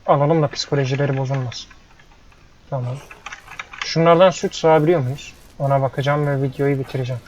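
A man's voice: medium pitch, fairly even intonation, fairly quick. A young man playing a ranch game, chatting casually and grumbling at the animals as he plays. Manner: frustrated, grumbling, talks to the animals. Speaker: gameplay YouTuber. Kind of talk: casual let's-play commentary. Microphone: headset microphone. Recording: dull lo-fi headset mic with faint noise.

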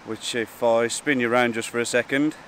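Man vlogging outdoors beside rushing water. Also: mid-range voice, fairly even intonation, a bit bright. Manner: informal, hesitant and chatty. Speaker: wildlife photography vlogger. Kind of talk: casual vlog to camera. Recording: outdoor wind, rushing water and traffic noise.

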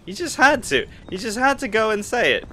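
A young man excitably teasing his teammate during a co-op war game, yelping when shot at, on a headset mic. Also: high-pitched, a little fast, very noisy. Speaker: gamer. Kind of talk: co-op gameplay chat.

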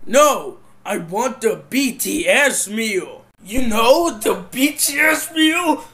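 A man ordering at a drive-through, calmly insisting on his order. His pitch rises and falls a lot, and he takes his time. He sounds patient, with a repeating, insistent push. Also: slow. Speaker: customer. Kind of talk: comedy skit.

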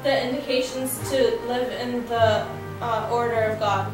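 Speaking slowly in a slightly high, steady voice, a young woman interprets a sermon one line at a time, with hesitation, fillers and restarts. The setting is a living room with framed pictures, recorded from far off by a distant camera in an echoey space with faint music.

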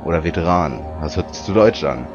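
A man commenting on a horror game, joking and reading the English on-screen text aloud haltingly. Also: deep voice, expressive, muffled recording, music in the background. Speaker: let's play commentator. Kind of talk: casual gaming commentary.

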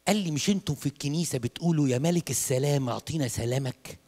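A man's voice: medium pitch, very fast. A male priest with an Egyptian Arabic accent preaching a sermon, telling stories and acting out dialogues, slipping into English phrases. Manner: animated storytelling, acts out dialogues, mixes in English. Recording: long church reverb.

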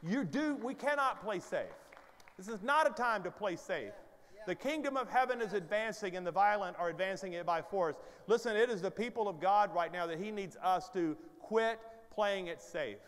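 Wearing a headset mic on a large church stage, a pastor in his fifties with a fairly high, slightly bright voice preaches at a moderate pace while the sanctuary's hall reverb trails each word. He starts out animated and conversational, telling stories like a friend, then builds to urgent exhortation as he paces and gestures.

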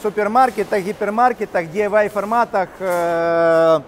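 A man's voice: high-pitched, moderate pace, in a large hall, a little hiss or hum. Middle-aged man telling his business story. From Ukraine. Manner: animated, gesturing while walking and talking. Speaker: company co-founder. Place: large factory halls and offices, indoors. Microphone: camera-mounted shotgun mic.

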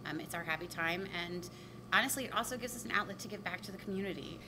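A woman who co-owns a bakery, talking in a warm, chatty way in an interview inside her shop. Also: quick pace. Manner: warm and chatty, laughs easily. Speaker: bakery co-owner. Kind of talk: casual interview. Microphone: handheld reporter mic. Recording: noticeable background rumble.

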